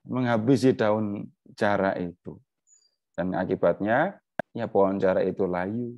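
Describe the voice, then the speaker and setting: A man's voice: lowish voice, a little mellow, dry recording. A man teaching a conversational Bible lesson, chatty, asking rhetorical questions and chuckling. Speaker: Bible study speaker. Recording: dull, dry lo-fi recording.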